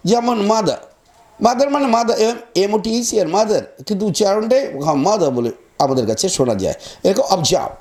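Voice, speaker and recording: A man's voice: sits high, a little mellow. A man teaching a pronunciation lesson, spelling words out letter by letter and talking straight to his students. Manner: talks to students directly, repeating words slowly.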